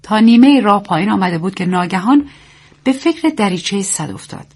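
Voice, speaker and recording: A woman reading a story aloud as narrator, in a steady, measured reading. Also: mid-range voice, slightly rough. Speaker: audiobook narrator.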